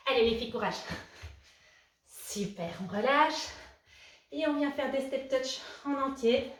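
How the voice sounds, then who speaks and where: A young woman leads a home workout, calling out breaths and counting reps with steady encouragement. Her fairly high voice comes from some way off the camera. The room has a clear echo. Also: a little hiss or hum. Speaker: fitness coach. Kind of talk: guided postpartum workout class. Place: room at home, moving around away from the camera. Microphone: camera at a distance. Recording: roomy echo, voice from a distance.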